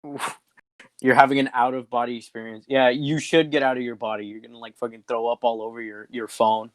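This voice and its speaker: A man's voice: mid-range voice, flat delivery, a little fast. A young man co-hosting a podcast in casual chat with friends, talking in loose, slangy banter and laughing often. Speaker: podcast co-host.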